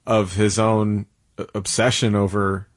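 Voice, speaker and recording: A man co-hosting casual talk radio, halting as he searches for words. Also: lowish voice, little pitch movement. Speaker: radio show co-host.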